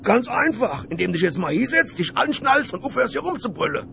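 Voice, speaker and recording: A man's voice: extremely high pitch, big pitch swings, fairly quick, creaky, bright, forceful tone, a little hiss or hum, exaggerated voice. A man doing a brash know-it-all passenger. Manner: brash, wheedling, talks over others. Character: cocky know-it-all middle-aged male air passenger. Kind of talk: comedy audio sketch.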